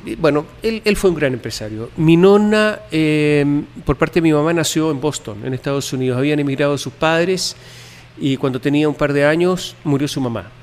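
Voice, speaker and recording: Man telling family stories. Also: a little high. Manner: measured, reflective storytelling with frequent fillers. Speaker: guest. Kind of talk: interview, family history.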